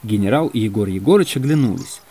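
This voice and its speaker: A man reading a classic story aloud as an audiobook narrator, with an expressive, animated delivery. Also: on the low side, fast talker, breathy edge.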